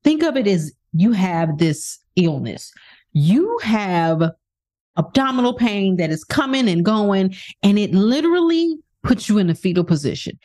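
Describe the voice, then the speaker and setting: Speaking at medium pitch with big swings and a dark tone, a self-help speaker unhurriedly delivers an emphatic motivational monologue. She keeps asking her listener rhetorical questions.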